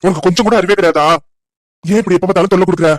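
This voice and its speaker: A gruff, impatient young village man, as a woman puts him on for a cartoon love story. He rattles his words off at speed in a flat, low, dismissive voice. The sound is dry and close. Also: rapid-fire, dry recording, close to an everyday voice. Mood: irritated. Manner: scolding, dismissive.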